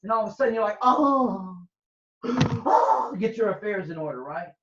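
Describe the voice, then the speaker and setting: A man's voice: sits high, rapid-fire, noisy background. Brief: male Bible teacher, chatty and conversational, dull echoey room recording. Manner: conversational, repeats "you know what I'm saying" and "right?"; acts out quoted reactions with sudden loud cries. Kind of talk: casual scripture teaching to a group.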